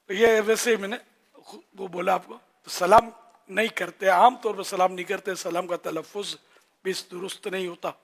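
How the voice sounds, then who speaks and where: Older man with a gravelly Pakistani Urdu voice. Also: sits high, steady tone, a bit bright. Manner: conversational teaching, demonstrates phrases slowly. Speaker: religious scholar. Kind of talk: religious talk to an audience.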